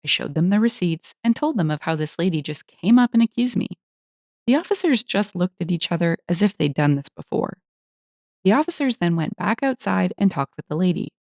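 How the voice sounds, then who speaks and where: A woman narrating internet stories in an animated, expressive, casual way. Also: fairly low pitch, fairly quick, no room sound, clean studio sound. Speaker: story narrator.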